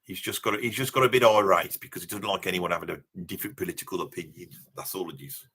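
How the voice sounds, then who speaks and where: A man puts on an exaggerated voice to play a brash, opinionated Birmingham bloke of about seventy who fancies himself a ladies' man, hosting a casual livestream and answering viewer comments. He's blunt, matey and ranting, boastful and dismissive, with mild swearing and tag questions. The voice is low-pitched, quick, pushed and bright with a breathy edge.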